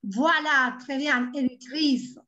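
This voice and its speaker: A woman with a Colombian Spanish accent teaches French over a video call, her voice bright and high. She patiently spells out each word twice, and the call audio comes through dull and lo-fi. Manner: patient, repeats words slowly and clearly. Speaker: French tutor. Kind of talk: online language lesson.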